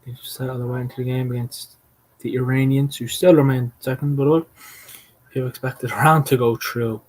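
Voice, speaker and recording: A man's voice: medium pitch, fairly even intonation, moderate pace, poor audio. A man hosting a fan watchalong, giving casual live match commentary, calling passes play by play with blunt, mocking remarks.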